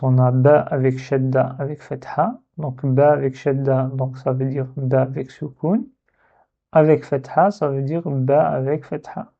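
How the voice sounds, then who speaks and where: A man teaching a lesson step by step, patient, and repeating words slowly so they can be copied. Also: mid-range voice, gravelly, lo-fi sound. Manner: slow, patient, repeats words to model pronunciation.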